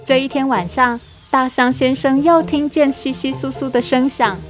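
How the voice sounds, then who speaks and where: A woman host reading a picture book aloud to children, in a gentle, coaxing manner. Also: high voice, fairly even intonation, normal speed, soft background music. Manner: gentle, coaxing, addressing kids.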